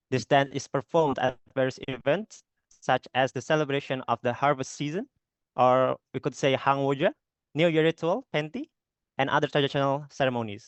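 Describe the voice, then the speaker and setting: A young man from Indonesia with an Indonesian accent, giving an unprepared presentation as an exchange student. He hesitates a lot and pauses with fillers to search for words. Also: medium pitch, smooth, no echo, dull audio.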